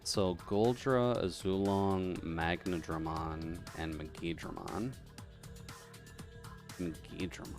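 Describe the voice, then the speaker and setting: Male live streamer, low-pitched with metallic robot processing, chatty off-the-cuff gameplay commentary over music. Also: fairly even intonation, takes it slowly. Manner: chatty, mutters while playing, reads chat aloud. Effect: metallic tin-can robot voice filter.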